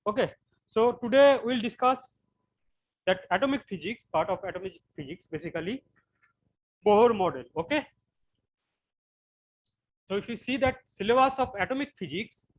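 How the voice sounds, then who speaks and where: A man from West Bengal with an Indian English accent, giving an online physics class and explaining slowly with frequent repetitions. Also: sits high, lively intonation, low-quality recording. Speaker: physics lecturer.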